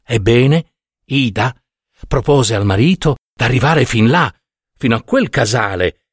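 A man reads a literary short story in a measured, expressive way. His pitch moves a great deal, rising and falling with the scene. The sound is dry and close, with no room around it. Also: husky, no room sound. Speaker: reader. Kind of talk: literary audiobook narration.

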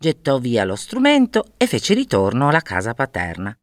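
A woman narrating a fairy tale with an expressive storybook manner. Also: rumbling low, moderate pace, dry recording, studio quality.

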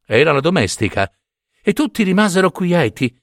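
A man reading a fairy tale aloud in an expressive, playful way. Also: a little high, moderate pace, vocal fry, dry recording, studio quality. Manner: animated, playful. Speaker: storyteller.

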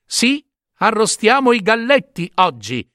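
A man voicing a haughty young princess who talks in a shrill, mocking, imperious way. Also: very animated, measured pace, sharp tone, dry recording, clean studio sound, heavily acted. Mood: amused. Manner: shrill, scornful, dismissive.

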